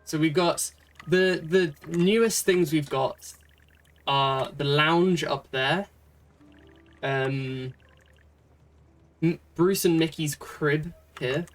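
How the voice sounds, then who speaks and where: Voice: mid-range voice, extremely slow, long pauses. Streamer, from Britain, casual gameplay commentary, thinks aloud, fillers and restarts, faint music behind.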